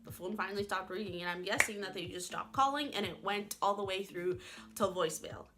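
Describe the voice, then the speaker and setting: A woman telling a dramatic storytime vlog in an animated, chatty way, full of "like". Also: medium pitch, a little fast, very noisy. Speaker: vlogger.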